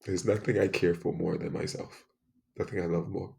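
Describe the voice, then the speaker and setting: A man delivering an intense, emphatic spoken monologue, repeating phrases and swinging between loud outbursts and soft asides. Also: sits low, fairly even intonation, moderate pace, gravelly.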